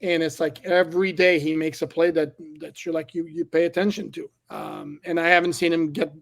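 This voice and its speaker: A man's voice: on the high side, steady tone, fairly quick, vocal fry, fairly bright tone. A man, a newspaper reporter guest on a sports podcast, giving blunt, candid opinions in casual talk.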